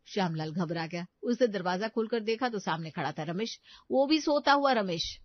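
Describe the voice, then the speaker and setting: A woman narrating a storybook tale in a lively, expressive way. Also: medium pitch, normal speed, dry recording, highs cut off.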